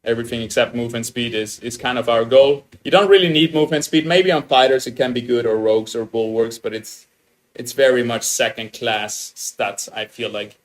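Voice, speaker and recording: A man's voice: medium pitch, brisk. A man with an Austrian German accent, a German native speaker, chatting casually as a live streamer and laughing at himself.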